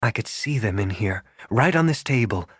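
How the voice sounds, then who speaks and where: A man voicing an anxious young woman who is orderly yet flustered, speaking fast and rising in pitch. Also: lively intonation, slightly rough, dry recording. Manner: quick, rising, flustered delivery. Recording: dry close studio sound.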